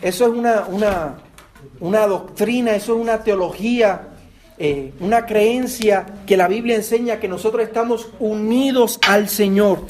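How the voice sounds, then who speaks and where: A man with a Puerto Rican accent delivers a sermon in a fairly high voice. He preaches earnestly, repeating words and turning to his listeners with direct questions. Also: moderate pace, darkish tone, a little hiss or hum. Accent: Puerto Rican Spanish. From Puerto Rico. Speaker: pastor.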